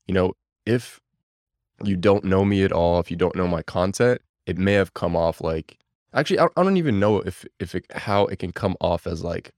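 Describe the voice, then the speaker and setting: A young man from Bulgaria, whose first language is Bulgarian, chats as a podcast guest in a low, deep voice. He rambles easily and leans on fillers. The sound is close and dry. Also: no echo. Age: 20s. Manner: relaxed, rambling, many fillers. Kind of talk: casual podcast interview.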